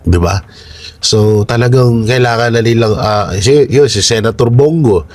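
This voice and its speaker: A man with a stuffy, blocked-nose voice gives informal, halting political commentary to his followers, often asking rhetorical questions. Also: mid-range voice, a little mellow, no echo. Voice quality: congested, stuffy-nosed voice. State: nasal congestion.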